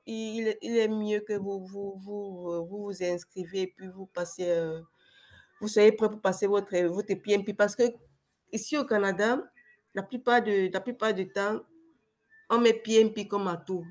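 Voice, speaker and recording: On a video call webinar, a former client in her young adult years shares a casual testimonial, her voice affected by a cold. She speaks in a steady, mid-range voice at normal speed, though she falters with many fillers and restarts.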